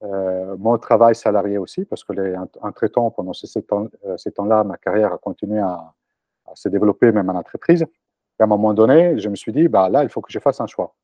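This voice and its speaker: Speaking fairly quickly with a fairly low, dark voice, this Italian man in his forties is an entrepreneur guest who stumbles through casual answers with fillers and restarts. There's no echo, and the recording sounds dry and slightly dull.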